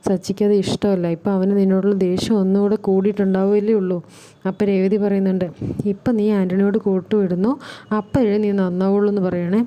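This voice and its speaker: A woman speaks at a brisk clip in a deep, mellow tone. She is a vlogger walking listeners through an upcoming serial episode, relaying who says what in casual narration. Her asides to the listener keep it conversational. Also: level tone. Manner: retells dialogue in quick conversational narration with frequent tag asides. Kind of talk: casual spoken retelling of upcoming episode scenes.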